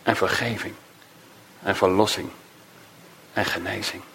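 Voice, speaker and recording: A man preaching a sermon, emotive, swinging between raised emphasis and hushed, low phrases. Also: fairly even intonation, creaky, breathy edge. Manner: slow, drawn-out delivery of quoted cries.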